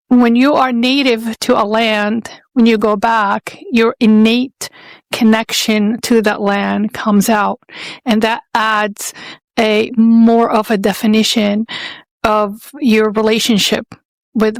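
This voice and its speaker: A woman's voice: on the high side, dry recording. A woman in her fifties from Saudi Arabia hosting a podcast, talking in an earnest, reflective way and often restarting her phrases as she searches for words. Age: 50s. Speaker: podcast host.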